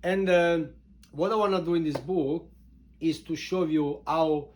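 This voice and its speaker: A man from Italy with an Italian accent, informally introducing his book in halting non-native English, repeating words for emphasis. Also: fairly high pitch, fairly even intonation, darkish tone, slight background noise. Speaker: author and show host introducing his book.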